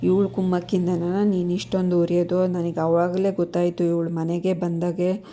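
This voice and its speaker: A woman's voice: fairly low pitch, flat delivery, moderate pace, dark tone, lightly acted. A woman voicing an angry mother who scolds her grown daughter reproachfully. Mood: scolding.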